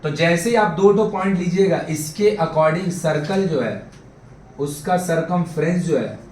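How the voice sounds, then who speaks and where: High-voiced man teaching in an echoey classroom. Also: measured pace, a little mellow. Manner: chatty, keeps checking with the class. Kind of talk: classroom math lecture. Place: classroom with students. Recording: echoey classroom, faint background noise.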